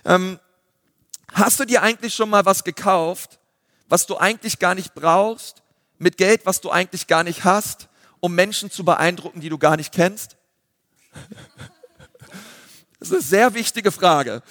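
A man, a pastor giving a lively sermon full of fillers. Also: high voice, measured pace, long pauses, dry recording, studio quality, big-room sound. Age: 30s. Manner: lively preaching with filler words.

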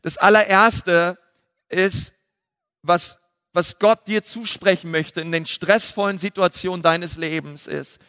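A man's voice: high voice, fairly even intonation, slow, bright, forceful tone, dry recording, studio quality, long reverb tail. A man preaching a sermon, emphatic and rising to a raised voice, with frequent calls of "hey" and invitations for the congregation to repeat lines. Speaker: pastor.

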